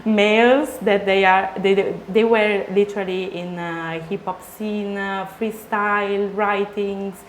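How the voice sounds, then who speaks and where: A woman from Spain, a DJ guest answering interview questions in halting English with many fillers. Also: mid-range voice, fairly even intonation. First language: Spanish or Italian. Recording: echoey room, faint noise.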